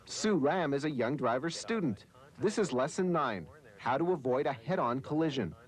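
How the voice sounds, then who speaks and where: A man narrating a TV news segment in a crisp, measured reporter style, heard from a worn tape copy. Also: medium pitch, lively intonation, low-quality recording.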